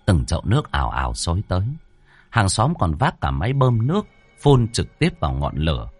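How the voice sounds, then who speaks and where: A man narrating a ghost story in an expressive storytelling manner. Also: deep voice, a little fast, breathy edge, dry recording, faint music behind.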